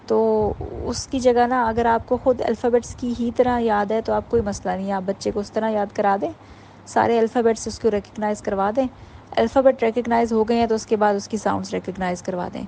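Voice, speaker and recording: A woman giving an informal workshop talk to mothers, explaining patiently and sounding out letters slowly. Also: a little high, steady tone, creaky, mellow, slight background noise, low-quality recording. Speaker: parenting workshop teacher.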